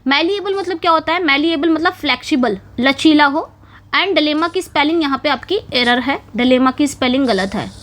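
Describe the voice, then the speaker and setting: Leading an English exam-prep class, this woman speaks in a high register with lively intonation and a slightly bright tone, neither rushing nor dragging. She breaks each point into steps, pausing often to ask "ठीक है" or "समझ में आ गया".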